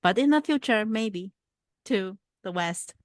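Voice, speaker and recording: A woman's voice: mid-range voice, expressive, unhurried, no echo, studio quality. A woman from Taiwan, a filmmaker answering questions thoughtfully and often searching for words. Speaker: filmmaker and producer.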